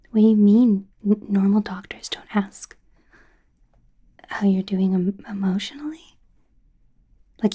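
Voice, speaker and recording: In an ASMR roleplay, a woman plays a friendly, awkward young werewolf doctor, whispering softly and breathily at a medium pitch. She rambles hesitantly and casually, sounding caring and curious.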